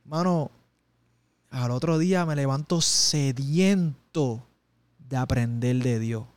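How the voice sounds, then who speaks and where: A man's voice: mid-range voice, slow, clear, resonant tone, no room sound. A man, an interview guest telling a personal testimony in an intense, emotional way full of street slang.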